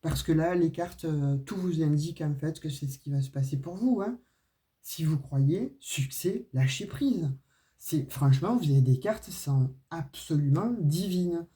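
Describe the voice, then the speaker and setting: A woman speaks unhurriedly, her voice low-pitched and mellow. Her casual tarot and oracle reading, delivered in a non-Parisian regional French accent, addresses viewers head-on and is sprinkled with hesitations like "euh" and "hein."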